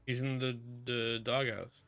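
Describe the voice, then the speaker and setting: Smooth-voiced man chatting on a podcast. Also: mid-range voice, little pitch movement, a little slow, a bit bright, dry recording, soft background music. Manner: rambling, filler-heavy talk. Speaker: podcast host. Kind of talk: casual podcast chat. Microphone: computer mic on a voice call.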